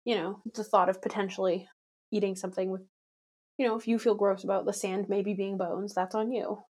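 A woman's voice: mid-range voice, flat delivery, fairly quick, darkish tone. A young woman co-hosting a podcast, chatting casually in a blunt, opinionated way and swearing freely. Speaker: podcast co-host. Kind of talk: casual chat.

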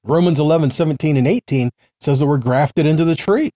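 A Bible teacher with a fairly high but mellow voice gives an informal lesson, a little fast, alternating between reading scripture and explaining it didactically. He often asks the listener rhetorical questions and looks for agreement.

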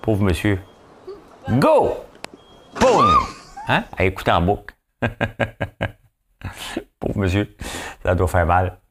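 A man's voice: low-pitched, steady tone, measured pace, pauses often, slight background noise. A man with a Québécois accent hosting a podcast in casual, playful commentary, often tossing in a questioning "hein?". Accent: Québécois French. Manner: playful, chatty, keeps asking "hein?". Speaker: podcast host.

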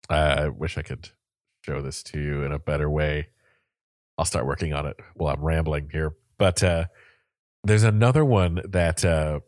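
A young man chats casually on a podcast, his very low voice wandering through stories with plenty of fillers and laughs. The sound is dry and close. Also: dry recording. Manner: rambling, laughs often, many fillers. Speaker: podcast host. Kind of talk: casual chat.

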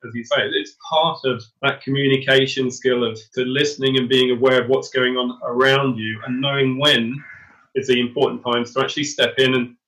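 A middle-aged man guesting on a podcast, with a voice of ordinary pitch. He talks earnestly and reflectively, often stumbling over repeated words as he begins a new point. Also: level tone, brisk, a bit bright, rough recording. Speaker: podcast guest, former special forces soldier. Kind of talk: casual interview chat.

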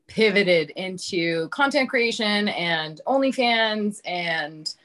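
A woman in her thirties, a comedian and content creator, appears as a podcast guest in casual, candid conversation. She's informal and self-deprecating, often saying "like," and her medium-pitched voice is animated, slow, and a bit bright.

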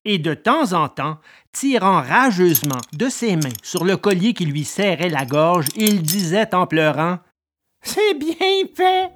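Woman storyteller, slow and unhurried, very lively pitch, reading a tale aloud. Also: a little hiss or hum. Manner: expressive, dramatic.

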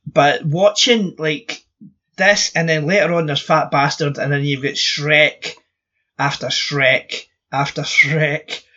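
A Scottish man with a fairly high, forceful, bright voice chats bluntly on a podcast, ranting and swearing without holding back. The sound is a bit dull and lo-fi. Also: fairly even intonation, slow pace. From Scotland. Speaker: podcast co-host. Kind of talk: casual chat.

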